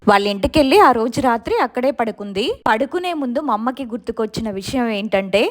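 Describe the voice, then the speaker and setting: A woman's voice: fairly high pitch, expressive, fast talker. A woman steadily telling a true ghost story in the first person.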